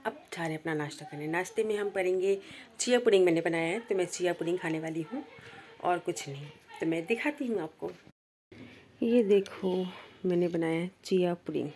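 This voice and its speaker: A woman's voice: lowish voice, a little mellow, slight background noise. Chatty woman vlogging her daily routine. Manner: chatty, addresses viewers directly. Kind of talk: casual daily vlog narration.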